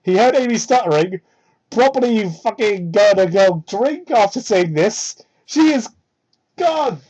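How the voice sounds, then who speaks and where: A woman gives a comedic dramatic reading of fan fiction, heckling the text with exasperated, sweary asides. Her voice is expressive and a little mellow with a breathy edge, at a measured pace. It was captured on a cheap, crude, low-quality home microphone.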